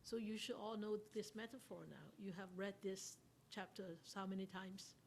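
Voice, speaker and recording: Leading a study class through a Dharma talk, a Buddhist nun speaks unhurriedly in a steady, gravelly, medium-pitched voice, frequently laughing and posing questions to her listeners. A little hiss or hum can be heard.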